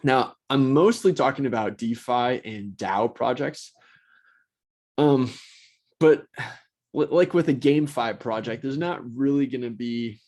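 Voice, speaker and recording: A man's voice: medium pitch, unhurried, a little mellow. A man hosting a casual solo talk, blunt and profane, rambling and restarting his sentences. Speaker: host.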